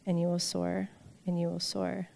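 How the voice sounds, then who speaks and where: A woman in a church gently and earnestly sharing a prophetic word with someone. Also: fairly low pitch, monotone, normal speed, creaky. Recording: reverberant hall, off-mic.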